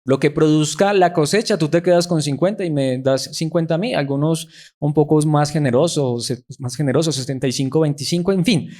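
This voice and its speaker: A man's voice: on the high side, a little fast, darkish tone. A man preaching a sermon, who keeps putting rhetorical questions to the congregation.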